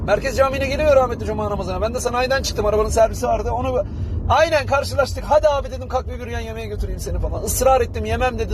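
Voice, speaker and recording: Quick, very high male voice, chatty comic caller, traffic behind. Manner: chatty phone-call storytelling. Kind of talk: comic sketch monologue. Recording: street noise outdoors.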